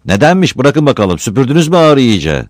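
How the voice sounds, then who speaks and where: A sharp-tongued village housewife scolds and fusses in a high, raised voice, as a man puts her on in a storybook reading. She rattles off quick warnings, then softens. The voice sits close to the mic in a dry space. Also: big pitch swings, no echo, natural voice. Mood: motherly.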